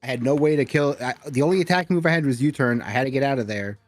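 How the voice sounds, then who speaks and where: A man's voice: mid-range voice, quick pace, no echo, faint music behind. Defensive man in casual stream chat. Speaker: league player and guest.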